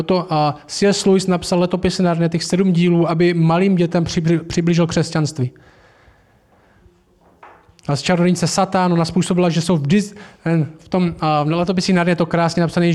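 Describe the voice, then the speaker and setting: A man preaching a sermon in church, telling a story in a loose, informal way. His voice sits high for a man, and he often breaks off and restarts his sentences. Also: darkish tone.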